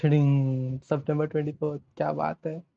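A man's voice: fairly high pitch, level tone, moderate pace, gravelly, dark tone. A young man casually commenting on a trailer, mixing in English and restarting phrases as he talks. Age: young adult. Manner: chatty, mixes Hindi and English, trails off and restarts. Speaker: trailer reaction host. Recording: dull, lo-fi dry sound.

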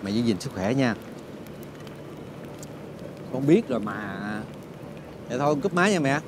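An actor playing a polite, dutiful young man who speaks softly and reassuringly. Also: mid-range voice, sing-song, a little slow. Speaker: son phoning his mother. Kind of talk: TV drama acting. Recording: rain noise behind the voice.

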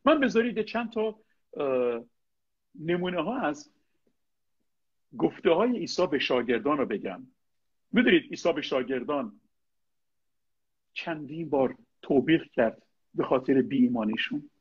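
A man's voice: fairly high pitch, sing-song, long pauses, breathy edge, dull audio. A middle-aged man, a pastor, preaching a sermon, asking his listeners pointed rhetorical questions and addressing them directly.

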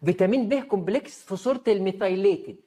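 A woman's voice: medium pitch, racing, mellow. A woman doctor with an Egyptian accent giving a health advice talk, emphatic and posing rhetorical questions she then answers herself. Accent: Egyptian Arabic.

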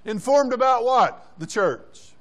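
In a church sanctuary, a high-voiced man preaches a sermon, pressing his congregation with short, repeated commands and a stream of questions. He is animated and out of breath, though his pace is slow.

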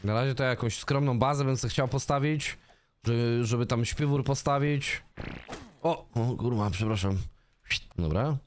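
A young man casually commenting on his own gameplay, chatty and swearing often, sometimes shouting in panic. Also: mid-range voice, moderate pace, a little hiss or hum. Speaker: gaming streamer. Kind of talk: casual let's-play commentary.

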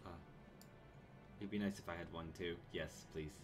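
A man's voice: low-pitched, steady tone, moderate pace, noisy background. A man playing in a tabletop game, talking casually and hesitantly. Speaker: player. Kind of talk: casual chat.

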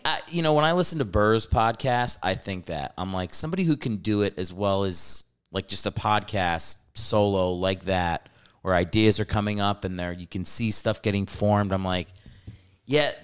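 A man hosting a podcast speaks in a clear, resonant, slightly low voice. He keeps things easygoing, teases his guest and backs him up. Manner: easygoing, teasing, affirming. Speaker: podcast host. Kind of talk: casual podcast chat.

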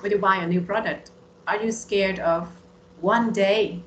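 A woman's voice: medium pitch, fairly even intonation, unhurried, a little hiss or hum. Roomy-sounding woman teacher. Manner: patient, repeats words for drilling. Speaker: English teacher. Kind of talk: online bilingual English lesson.

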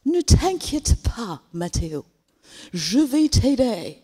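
Kind little English girl voiced by a woman, slow careful foreign-accented French, high. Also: big pitch swings, warm tone, breathy edge, exaggerated voice. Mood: gentle encouraging. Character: kind young English girl, patient helper. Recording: echoey church hall.

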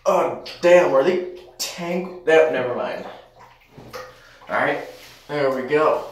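A man's voice: on the high side, expressive, slow pace, slight background noise. A young man vlogging casually to the camera from a small tiled bathroom. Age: young adult. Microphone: camera a few feet away. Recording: echoey bathroom, distant mic.

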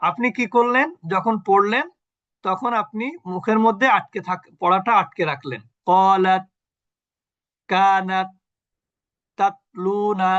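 A man's voice: high voice, moderate pace, sharp tone, lo-fi sound. A man teaching a Quran recitation class online. He explains each point step by step, asking the class questions and then answering them himself. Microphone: video call.

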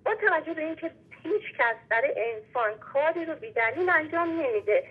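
A woman's voice: sits high, animated. A woman from Iran calling in to a radio show, heard over a phone line, making an earnest, insistent case at length. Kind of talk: call-in question to the host.

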